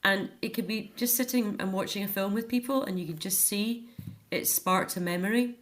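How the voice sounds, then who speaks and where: Speaking at a normal pace in a mid-range voice, this middle-aged woman with a Scottish accent tells stories earnestly during a relaxed radio interview. She's there as a guest: an author and a care home activities volunteer or worker.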